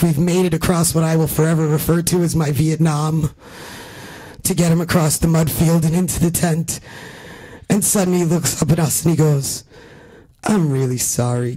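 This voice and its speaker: High pitched guy doing standup at a house show, swearing a lot, rambling and animated. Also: rough recording. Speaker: stand-up comic. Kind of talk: stand-up storytelling. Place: house comedy show with live audience.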